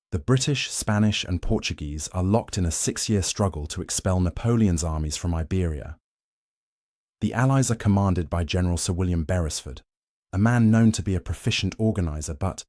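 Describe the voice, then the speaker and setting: A man narrates history in a grave, measured, dramatic way, pausing for weight. His voice sits very low. The sound is dry and close, with no room around it. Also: darkish tone, no echo. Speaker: documentary narrator.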